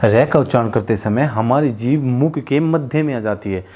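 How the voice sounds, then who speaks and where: A man's voice: mid-range voice, moderate pace, a little mellow, slight background noise. A man teaching a Hindi lesson, repeating sounds and explanations and asking students to say them with him. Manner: repetitive, drills sounds aloud for students; addresses viewers as children and friends. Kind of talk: classroom lesson on pronunciation.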